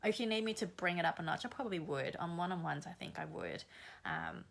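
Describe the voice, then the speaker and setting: A woman talks to her live stream viewers as a creative coach, her voice slightly hoarse from a recent flu and sitting a little low. She speaks with energy and bluntness, pushing her audience to show up and do the work, yet keeps it encouraging. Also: wildly swooping pitch, a little fast, fairly bright tone.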